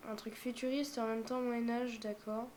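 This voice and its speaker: Young woman, reaction commentary, higher voice, faint hiss behind, muses and whispers asides. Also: level tone, moderate pace, a little mellow. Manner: musing aloud, many fillers, drops to whispers. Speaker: streamer reacting to a game showcase. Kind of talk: casual live reaction commentary.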